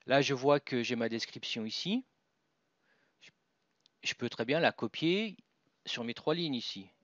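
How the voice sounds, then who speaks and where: A man narrates a software tutorial at his computer, describing each click as he makes it and restarting his sentences now and then. The sound is dry and somewhat dull, with mouse clicks in the background. His voice sits at an ordinary middle pitch. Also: expressive, measured pace, dry recording. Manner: talks through each click, with fillers and restarts. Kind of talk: screen-recorded software tutorial.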